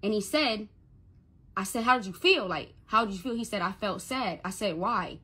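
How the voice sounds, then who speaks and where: A woman's voice: medium pitch, animated, moderate pace, bright, forceful tone, slightly rough. A young woman telling an emotional personal story to the camera as a mother, stuttering and repeating words when she gets upset.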